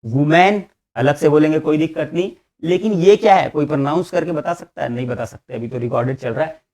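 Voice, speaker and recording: A man teaching spoken English in an online lesson, speaking with an Indian accent, correcting pronunciation and repeating each word slowly for learners. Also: a little high, darkish tone. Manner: drills words slowly and repeats them for learners. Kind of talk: recorded online language lesson. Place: classroom.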